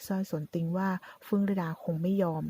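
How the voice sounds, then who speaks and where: A woman narrating a drama story as a recap, reading in a steady, even way. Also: mid-range voice, fairly quick, husky, no room sound.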